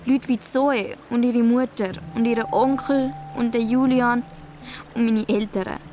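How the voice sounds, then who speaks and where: Young woman voicing a lonely Swiss schoolgirl, quiet first-person radio-play narration, light high tone. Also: steady tone, a little slow, slight background noise, lightly acted. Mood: sad. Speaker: narrator and main character.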